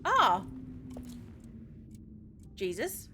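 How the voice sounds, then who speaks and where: A young Australian woman commentating live as she plays a video game, animated, swearing and laughing often. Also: mid-range voice, drawn-out words, slight background noise. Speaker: streamer.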